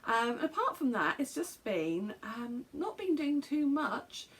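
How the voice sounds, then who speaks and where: This English host of a knitting podcast, in her fifties, chats to a camera from a small indoor craft room in her bedroom. Her high, slightly bright voice has a breathy edge, big pitch swings and a slightly slow pace. She rambles casually, filling gaps and correcting herself often.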